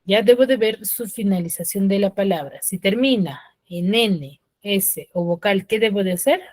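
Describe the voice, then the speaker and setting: A woman's voice: medium pitch, moderate pace. A woman teaches her class over a video call, with a mid-range voice. She keeps quizzing the students and checks often that they follow. The sound is close and dry, with no room echo. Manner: quizzes the students, often checks understanding with short tag questions. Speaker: secondary school teacher.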